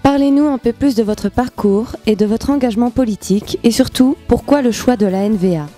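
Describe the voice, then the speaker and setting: Woman interviewer, formal and polite; higher, warm voice, light music bed. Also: fairly quick.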